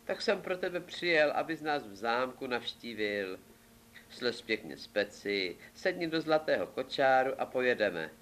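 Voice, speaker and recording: A man's voice: mid-range voice, big pitch swings, fairly bright tone, slight background noise. A man doing a greedy storybook king. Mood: coaxing. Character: fussy greedy fairy-tale king.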